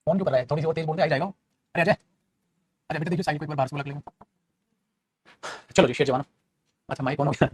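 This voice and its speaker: A man teaching an English grammar class, talking quickly and chattily and calling his students "beta". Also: fairly high pitch, steady tone, breathy edge. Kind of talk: classroom grammar lesson in Hindi.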